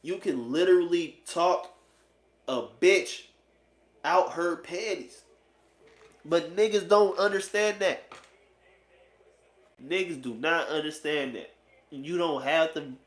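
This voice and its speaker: A vlogger in his late twenties offers dating opinions in a blunt, slangy, profane monologue, casually repeating phrases for emphasis. His voice sits a little high, and he speaks unhurriedly with frequent pauses. The recording sounds echoey and roomy.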